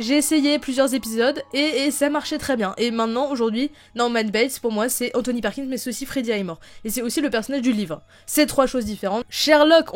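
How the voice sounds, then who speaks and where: A woman YouTuber talking casually and with passion about her favorite series, repeating and restarting her words. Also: on the high side. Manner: enthusiastic and opinionated, with frequent restarts. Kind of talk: casual video review.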